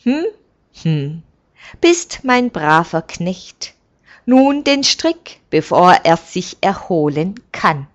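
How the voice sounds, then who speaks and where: A woman voicing an old male village elder who speaks in a firm, measured and kindly commanding way. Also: on the low side, big pitch swings, dull audio.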